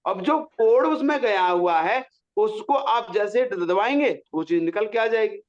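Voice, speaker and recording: High-voiced, slow-speaking male teacher. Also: animated, lo-fi sound. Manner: patient, drawing out syllables to demonstrate. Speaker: Sanskrit teacher. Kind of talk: pronunciation lesson.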